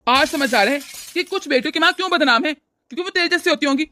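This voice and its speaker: A woman's voice: high voice, quick pace, bright, forceful tone, a little hiss or hum. A woman voicing a stern scolding father. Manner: lecturing, reproachful. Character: stern scolding older father-in-law, man. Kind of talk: cartoon voice acting.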